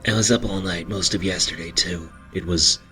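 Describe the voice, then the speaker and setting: A man's voice: low voice, steady tone, moderate pace, sharp tone, faint music behind. A man voicing a frightened teenage girl who speaks hesitantly and mumbles in a storybook reading. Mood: shaken.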